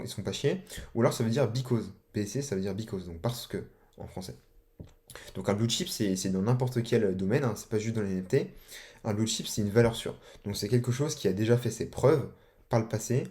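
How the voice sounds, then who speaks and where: A young man explains things in a loose, slangy way, full of fillers and restarts. His voice sits fairly low and sounds dark and mellow. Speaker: online course instructor. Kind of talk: casual explanatory tutorial.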